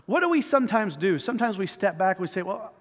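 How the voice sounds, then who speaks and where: A man with a fairly high voice preaches a sermon, talking conversationally and stopping to read scripture aloud. His voice carries a long reverb from a church hall. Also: very animated, quick pace. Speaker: pastor.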